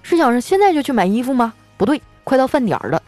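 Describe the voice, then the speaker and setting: A woman's voice: sits high, very animated, fast, a little mellow, no echo, soft background music. A woman host, chatty and teasing, reading funny listener stories and laughing along as she tells them. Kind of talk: comic storytelling.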